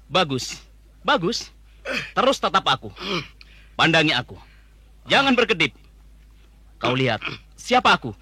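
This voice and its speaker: Forceful, haughty army commander. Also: male voice, fairly high pitch, husky, no echo, exaggerated voice. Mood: taunting, menacing. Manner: imperious, deliberate, scornful. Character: commanding, haughty male high army leader, contemptuous and menacing. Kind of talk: Indonesian radio drama acting.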